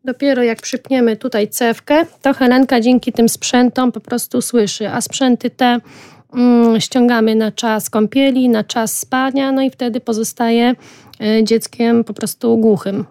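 This mother has a slightly high voice with a flat, even melody. She answers earnestly and plainly. The recording is dry. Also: measured pace, no room sound. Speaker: mother of a young child. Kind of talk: interview answers.

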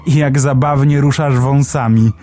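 A man's voice: fairly high pitch, huge pitch swings, a little slow, darkish tone, soft background music, pitched above the performer's own voice. A man voicing a curious, naive young male sparrow in a storybook, asking eager, wondering questions. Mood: wide-eyed curious.

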